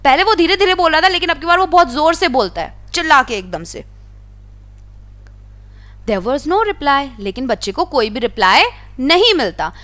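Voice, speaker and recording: A woman teaching an English lesson, reading the text lines slowly and then explaining them in everyday Hindi. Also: high voice, fairly bright tone.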